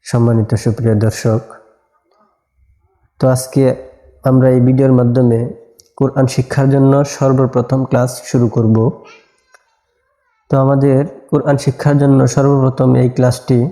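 A man teaching Quran letter pronunciation as a lesson, repeating each letter slowly and drawn out. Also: mid-range voice, little pitch movement, warm tone, roomy sound. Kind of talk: slow recitation lesson.

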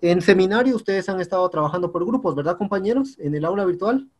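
High-voiced teacher man. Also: fast talker. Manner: patient, repeats "compañeros" and "¿sí?" often. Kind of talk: online class instructions.

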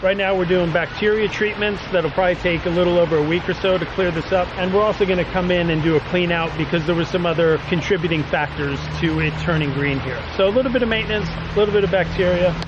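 A middle-aged man with a New Jersey accent and a high voice explains his pond work outdoors in a friendly, matter-of-fact way. Traffic and outdoor noise are clearly heard behind him. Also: fast, hardly any pauses, lo-fi sound. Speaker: pond contractor. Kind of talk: casual on-site explanation. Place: outdoors at a garden center pond.

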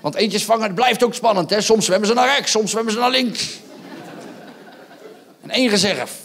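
A male stand-up comedian performs on a theatre stage in a fairly high voice. He talks loud and mocking and keeps goading the audience with quick rhetorical asides. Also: creaky, a faint crowd.

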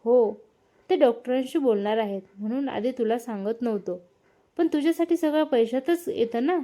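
A woman's voice: a little high, normal speed, natural voice. A woman voicing a firm, caring middle-aged uncle who scolds his wife in a family story read aloud. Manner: firm, scolding, rising to a shout.

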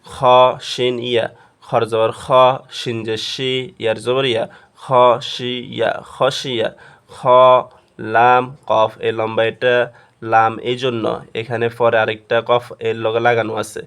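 A man teaching Quran reading, slowly spelling out letters and syllables one by one in a step-by-step lesson. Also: mid-range voice, monotone, a bit bright, smooth. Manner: slow, drilled syllable-by-syllable recitation.

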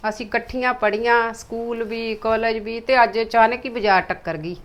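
A woman's voice: on the high side, fairly even intonation, normal speed, lightly acted. A woman playing a hospitable middle-aged mother who speaks with a Punjabi accent and presses her guest to stay. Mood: welcoming. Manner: warm, insistent hostess talk.

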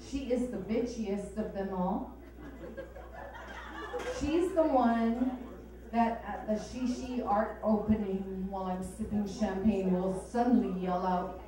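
Slow, sardonic woman comic from Hawaii. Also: mid-range voice. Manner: sardonic, bawdy punchline delivery. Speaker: stand-up comedian. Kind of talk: stand-up comedy set. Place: comedy club stage. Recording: echoey club sound from far off.

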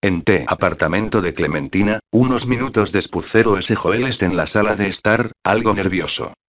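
A man reading a screenplay aloud in a flat, monotone way. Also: fairly low pitch, normal speed, lo-fi sound.

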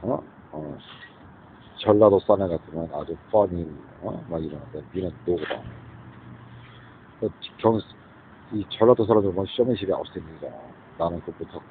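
A low-pitched man from South Korea's Gyeongsang region rambles in a monologue outdoors on a street at a moderate pace with frequent pauses, often asking "eh?" and mixing in English phrases. The sound is tinny and phone-like, with faint street noise.

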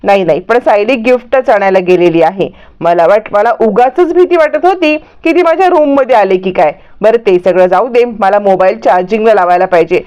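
A woman's voice: mid-range voice, moderate pace, a little mellow, smooth, highs cut off, natural voice. A woman voicing a suspicious, stubborn young woman in a retold TV serial story. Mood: relieved. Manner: insistent, wary.

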